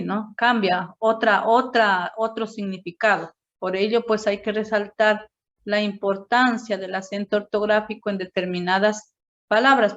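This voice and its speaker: A woman teacher explaining a grammar point slowly to a class, checking in with "no?" after each point. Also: medium pitch, fairly bright tone, dull audio. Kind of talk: classroom teaching, correcting a student presentation.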